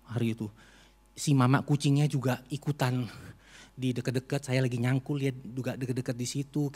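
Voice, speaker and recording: A man's voice: mid-range voice, a little mellow, breathy edge, in a large hall. A male pastor preaching a heartfelt sermon in a church, telling a personal story to his congregation. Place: church sanctuary during a service.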